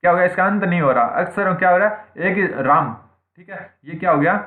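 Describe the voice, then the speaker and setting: A man's voice: high voice, quick pace. A man teaching Hindi grammar in an online exam-prep class, who keeps asking questions and answering them himself and checks in with "theek hai" after nearly every point. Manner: repeats points, asks and answers own questions. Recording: echoey room, tinny phone-like sound.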